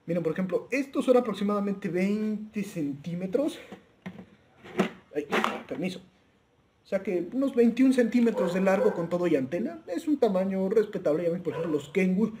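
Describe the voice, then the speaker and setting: A radio gear reviewer with a high, animated voice demos a handheld radio at normal speed amid background noise. His casual delivery is hesitant, with fillers and repeated restarts, and he laughs lightly now and then as if chatting with friends.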